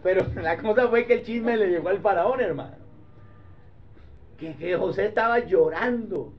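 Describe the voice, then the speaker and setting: A man pastor preaching a sermon in a lively, joking way, speaking directly to his congregation. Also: sits high, moderate pace. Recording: dull lo-fi recording.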